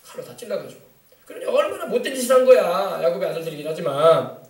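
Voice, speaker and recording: A man's voice: sits high, animated, fast talker, darkish tone, recorded from a distance. Emphatic male preacher in an echoey church. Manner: emphatic, colloquial preaching with rhetorical questions. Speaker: pastor. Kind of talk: sermon. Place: church sanctuary.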